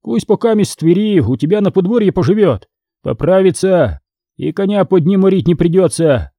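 A man voicing a sly steward who threatens strangers and flatters his mistress. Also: high-pitched, normal speed, no echo, studio quality, pitched above the performer's own voice. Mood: persuasive.

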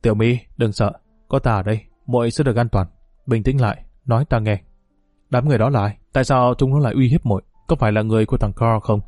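A man's voice: mid-range voice, rapid-fire, hardly any pauses, a little mellow, no room sound, clean studio sound, soft background music, close to an everyday voice. A man voicing a stern older triad boss who soothes and commands a frightened girl. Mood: protective.

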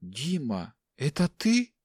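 A man's voice: huge pitch swings, slow, a little mellow, breathy edge, no echo, clean studio sound, heavily acted. A man voicing a weak, frightened wife. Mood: weak dazed. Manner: weak, pleading, raised pitch.

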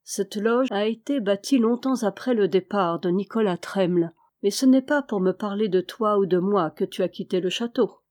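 A woman reading the lines of a calm, secretive male charcoal burner in a storybook, measured and even. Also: mid-range voice, lightly acted.

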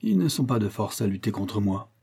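A ruthless billionaire spits out his scorn and vows of revenge, as a man reads him in an audiobook. The voice sits low and mellow, with a husky grain. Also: big pitch swings, moderate pace, heavily acted. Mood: scornful. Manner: bitter, scornful and threatening. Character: vengeful ruthless male American billionaire. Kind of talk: audiobook character reading.

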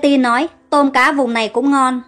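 A woman narrating an audiobook story in a steady, plain reading manner. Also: sits high, moderate pace, faint music behind.

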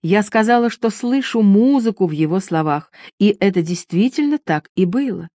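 A woman's voice: medium pitch, expressive, moderate pace, mellow, no room sound, natural voice. A woman voicing a capricious young queen who talks in a teasing, mocking, lightly condescending way.

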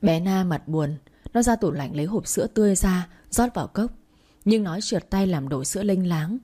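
Woman, story narrator, steady reading, low pitch, dark tone. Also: normal speed, breathy edge.

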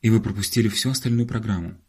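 Man voicing excitable young woman, eager, squealing, pitched up. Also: fast talker, slightly rough. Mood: excited.

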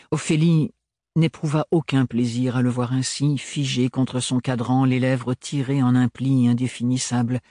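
A man narrating a novel as an audiobook in a measured, even reading. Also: medium pitch, dry recording, clean studio sound.

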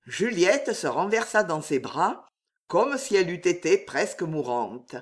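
Expressive woman narrating slowly. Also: on the low side. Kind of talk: audiobook narration.

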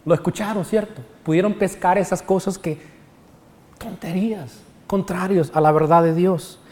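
High-voiced preacher in a reverberant hall. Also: male voice, fairly even intonation, moderate pace, darkish tone. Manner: preaching with sung quotes of songs. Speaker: pastor. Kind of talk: sermon.

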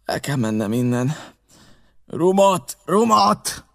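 A man voicing a violent, gruff old sea captain who shouts his demands. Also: a little high, lively intonation, pitched above the performer's own voice. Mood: desperate.

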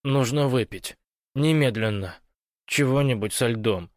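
A man's voice: medium pitch, unhurried, no echo, studio quality, lightly acted. A man voicing a groggy young man who has just woken.

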